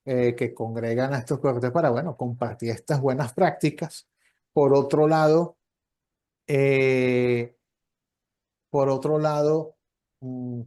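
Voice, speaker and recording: Here the professor and copy editor lectures online and takes audience questions, talking in an explanatory, conversational way and performing brief dialogues. His voice is mid-range and a little mellow.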